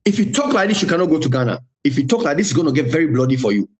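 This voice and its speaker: A man's voice: on the high side, big pitch swings, racing, darkish tone. A man in a recorded voice note, issuing menacing, swearing threats and repeating himself over and over. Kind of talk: aggressive threats in a phone conversation.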